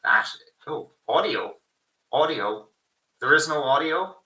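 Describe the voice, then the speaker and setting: A man hosting a casual livestream. He rambles and swears often, and his voice comes through thin and tinny with no bass from the wrong built-in computer microphone. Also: animated, slow, pushed and bright, echoey room, far from the mic. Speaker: livestream host. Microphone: built-in PC microphone picked by default.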